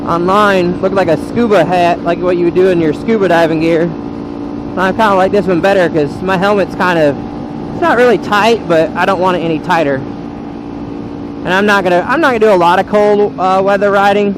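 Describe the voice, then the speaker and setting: Engine and wind noise runs clearly behind an American man speaking from inside a motorcycle helmet. His voice sits quite high for a man. He chats casually and loosely, as a rider vlogging on the move. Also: a little fast. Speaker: motovlogger. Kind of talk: casual rambling vlog while riding a motorcycle. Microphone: helmet microphone.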